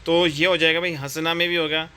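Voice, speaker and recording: A man's voice: on the high side, flat delivery, a little fast, sharp tone, clean tone. An Indian man teaching an exam-prep Hindi grammar lesson, chatty and repetitive, often calling his viewers friends and brother.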